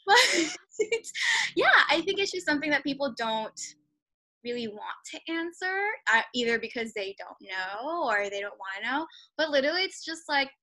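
Young woman, high bright voice, rambling casual interviewer, lots of "like" fillers. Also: big pitch swings, normal speed. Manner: chatty, many fillers like "like" and "you know". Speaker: interviewer starting a personal project. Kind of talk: casual conversational interview over a call. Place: at home.

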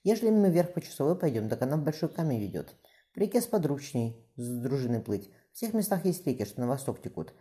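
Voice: mid-range voice, very animated, fast talker, mellow, voice pushed up, lightly acted. A reader voicing a stern, decisive Cossack ataman in an audiobook, speaking bluntly in old-fashioned speech. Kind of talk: audiobook character voice.

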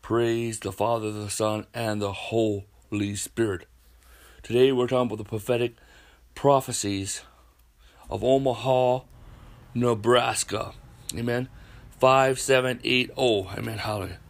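A man's voice: mid-range voice, fairly even intonation, a little slow. A middle-aged man from the United States preaching a prophetic sermon as a podcast host, in a declamatory, repetitive manner punctuated with amens and hallelujahs.

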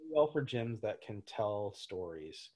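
A man with a fairly low voice talks casually as a guest, explaining his ideas in a roundabout, halting way. He keeps circling back with fillers and restarts as he works out what he means. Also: sing-song, darkish tone. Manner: rambling, many fillers and restarts. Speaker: gym owner, guest. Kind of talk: casual interview talk.

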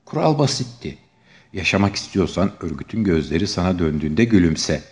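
Deep-voiced man narrating a grim story. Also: big pitch swings, a little fast, faint music behind.

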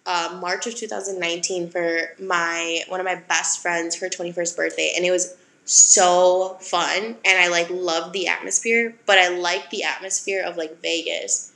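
Chatty young woman, bright voice. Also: on the low side, steady tone, normal speed, gravelly, roomy sound. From Wisconsin, USA. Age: young adult. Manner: chatty, filler-heavy, giggly. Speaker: podcast co-host. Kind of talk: casual chat.

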